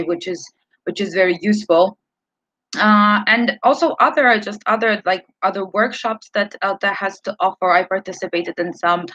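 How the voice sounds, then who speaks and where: A woman's voice: mid-range voice, a bit bright, dry recording, muffled recording. A woman in her twenties from Serbia, a student giving an earnest talk to an online audience with many fillers and restarts. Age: 20s. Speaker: student speaker.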